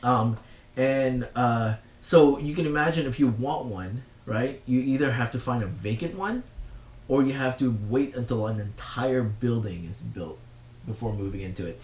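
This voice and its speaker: A man's voice: medium pitch, a little mellow. Man chatting in an echoey room. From Singapore. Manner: halting, explains at length with many fillers and restarts. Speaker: podcast co-host. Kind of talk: casual chat.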